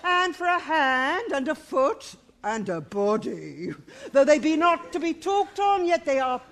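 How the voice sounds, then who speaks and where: A woman's voice: sits high, sing-song, measured pace, fairly bright tone, heavily acted. A woman playing a garrulous older nurse in a Shakespeare play, teasing and groaning about her aches. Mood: fussy teasing. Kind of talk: Shakespeare stage acting.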